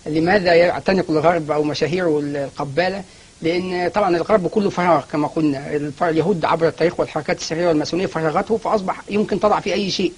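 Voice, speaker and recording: A man's voice: on the high side, racing, husky. A man as a guest scholar in a studio TV interview, explaining at length with frequent restarts and fillers.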